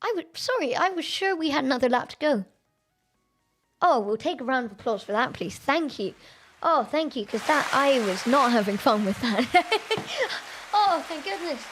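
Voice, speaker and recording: A woman streamer chatting through a racing game, excitable and quick to laugh at her own mistakes. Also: high-pitched, husky. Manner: chatty, excitable and self-deprecating. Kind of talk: live-stream gameplay commentary.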